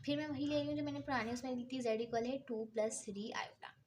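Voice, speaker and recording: A woman with a somewhat high voice gives a math lecture. She works through each step out loud and poses questions to herself along the way. A faint hiss of background noise sits under the recording. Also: steady tone, fast talker. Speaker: math teacher. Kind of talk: blackboard lecture.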